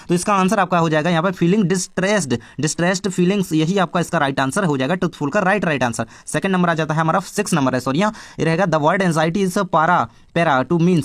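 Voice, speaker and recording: A young man, a teacher, going step by step through the answers of an exam paper and reading each question aloud slowly. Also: sits high, dry recording. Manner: explains step by step, reads questions slowly, repeats "है ना".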